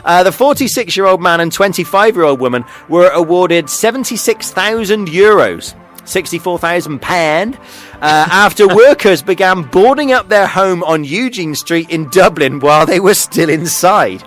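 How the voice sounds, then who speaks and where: A man with a fairly high voice reads offbeat news items on a radio show, breaking into chuckles and filling gaps with ums and uhs. Faint music plays behind him in the studio. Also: expressive, normal speed, a bit bright. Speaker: radio show host reading a news feature. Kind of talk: casual news reading with banter.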